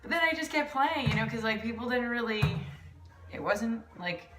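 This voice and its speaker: A woman's voice: a little high, animated, normal speed, fairly bright tone, recorded from a distance, soft background music. A woman coach chatting casually in a vlog, rambling and laughing easily, with a mild concussion. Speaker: volleyball coach vlogger. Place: at home, kitchen pantry. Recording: echoey room, off-mic.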